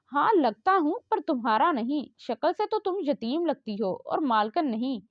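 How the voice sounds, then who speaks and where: A woman voicing a sharp-tongued, teasing young army officer in a read-aloud romance novel. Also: sits high, sing-song, no echo. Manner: teasing, quick comebacks. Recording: dull lo-fi dry recording.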